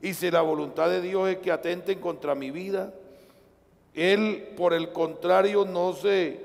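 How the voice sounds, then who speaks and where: A man with a Colombian accent preaches a live sermon in a raised, rough, fry-laden voice. His delivery surges loud and then sinks to hushed asides. The church's long reverb trails behind every phrase. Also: steady tone, measured pace. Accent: Colombian Spanish. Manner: swings from loud preaching to low, quiet asides. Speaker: pastor. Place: church sanctuary.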